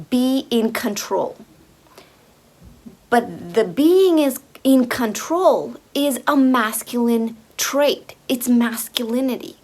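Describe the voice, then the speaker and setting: A woman speaking slowly and softly in a reflective monologue, often repeating herself and sometimes slipping into a whisper. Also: a little high, vocal fry. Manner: slow, soft, drifting into whispers. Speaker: speaker on femininity.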